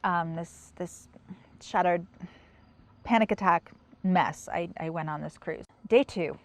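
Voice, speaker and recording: A middle-aged woman recounting a painful personal experience in a halting, emotional way, with pauses and restarts. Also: lowish voice. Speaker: interviewee telling her story. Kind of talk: personal testimony.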